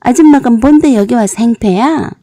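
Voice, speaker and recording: A woman's voice: on the high side, normal speed, dark tone, no room sound, clean studio sound, pitched above the performer's own voice, natural voice. A woman voicing a brash, mocking young bar hostess in a story narration. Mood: sneering. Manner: sneering, defiant.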